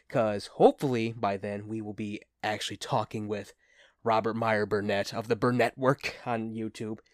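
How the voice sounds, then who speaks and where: A man with a fairly low voice gushes like an excited fan as he hosts a casual movie review. The sound is dry and close, with no room echo. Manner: enthusiastic, gushing fan talk. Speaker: host of a movie review show.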